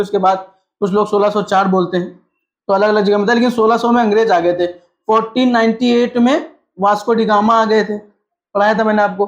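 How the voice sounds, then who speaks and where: A man teaching a lesson, asking questions and answering them himself, mixing English terms into his talk. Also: sits high. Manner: mixes English terms into Hindi. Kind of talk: classroom-style lecture. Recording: echoey room, slightly dull sound.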